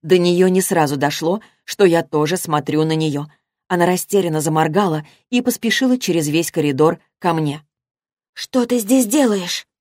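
Woman narrating an audiobook, lowish voice, steady and measured, dead dry sound. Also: dry recording. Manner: measured, even storytelling. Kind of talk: scripted narration.

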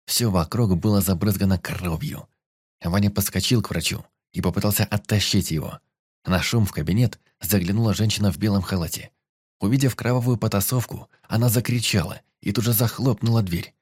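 A man narrating a horror audiobook in a steady, even manner. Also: lowish voice, fairly quick, breathy edge, dry recording, clean studio sound. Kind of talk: scripted narration.

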